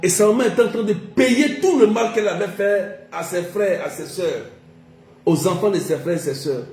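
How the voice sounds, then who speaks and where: Male pastor, high-pitched, emphatic repetitive sermon delivery, roomy echo. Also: moderate pace, a little mellow, faint music behind. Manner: emphatic, repetitive, asks the congregation questions.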